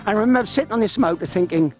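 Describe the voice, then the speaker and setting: This man's voice sits high with a darkish tone, and he speaks expressively at a racing clip over soft background music. He's in his fifties with a London accent, a radio guest wearing headphones at a studio mic, telling anecdotes in relaxed conversation.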